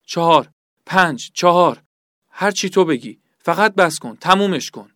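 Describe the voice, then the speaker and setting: A man reading aloud and voicing a tortured male prisoner who begs for the pain to stop, in a smooth, clear voice. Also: medium pitch, a bit bright, no room sound, studio quality, close to an everyday voice. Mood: pleading. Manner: pleading, breaking under pain.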